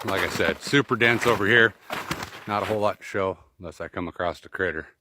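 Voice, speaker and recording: Out in snowy woods and fields, an outdoor vlogger trudges along on snowshoes, out of breath from the effort. His low-pitched voice moves fairly quickly as he narrates in short bursts, with background noise in the recording.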